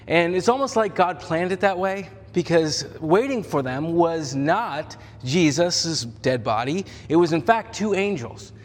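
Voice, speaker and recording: A male pastor speaking in a slightly high voice that sounds casual and chatty while he tells a scripture story with jokes and quick character voices. His sermon rings out with a long reverb from the church hall around him. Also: animated. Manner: conversational, humorous storytelling with acted-out voices.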